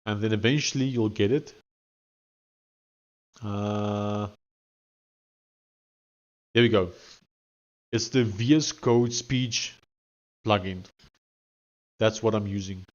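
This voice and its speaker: A man's voice: fairly low pitch, slow pace, long pauses, muffled recording. A man with a thick Afrikaans South African accent, chatting casually on a coding live stream and dictating instructions.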